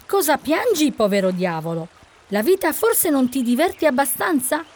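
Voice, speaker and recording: A woman's voice: sits high, sing-song, moderate pace, a little mellow, voice pushed up. A woman voicing a cheerful, bold old male donkey in a storybook reading. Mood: lively.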